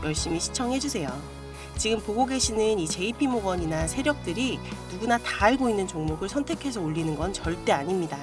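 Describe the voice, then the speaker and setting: A woman's voice: animated, a little fast. A woman hosting a video, reading a scripted promotional narration in an earnest, persuasive way, addressing viewers directly. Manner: earnest, persuasive sales pitch. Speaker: video host promoting crypto investments. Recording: voice over prominent background music. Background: music.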